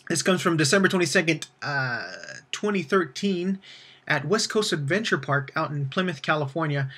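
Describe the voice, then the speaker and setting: A man's voice: a little high, animated, normal speed, sharp tone, breathy edge. A man hosting a video channel, talking casually to his viewers in a rambling, informal way. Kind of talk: casual vlog outro to viewers.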